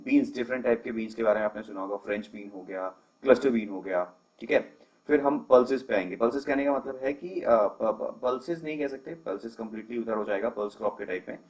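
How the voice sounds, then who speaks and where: A man's voice: mid-range voice, fast talker, darkish tone, low-quality recording. A young man teaching an agriculture lecture over slides, explaining terms patiently and mixing English into his talk. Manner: explanatory, mixes English terms into Hindi, frequent fillers.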